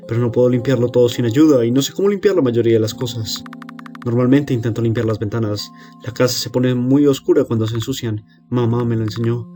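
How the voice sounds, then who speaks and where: A man reads out a lonely young girl who must feed the monsters below her house. The delivery is hesitant and quiet, in a mellow, mid-range voice over faint music. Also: mid-range voice, natural voice. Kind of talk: game dialogue read aloud.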